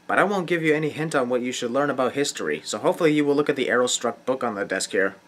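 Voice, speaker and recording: A man giving sarcastic scripted commentary, nitpicking with mocking, deadpan asides. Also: mid-range voice, racing. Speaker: host of a film nitpicking video. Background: film soundtrack music.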